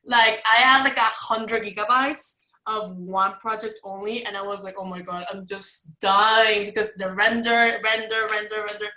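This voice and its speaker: Young woman, from Mexico, chatty, lots of fillers, bright voice, roomy video call audio. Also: medium pitch, steady tone, moderate pace. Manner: chatty, rambling with many fillers. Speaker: advertising student. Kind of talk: casual video call chat.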